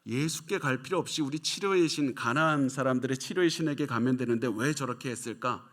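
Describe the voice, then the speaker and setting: A man's voice: mid-range voice, a little fast, fairly bright tone. A male pastor delivering a sermon with an emphatic, repetitive preaching cadence. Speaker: senior pastor.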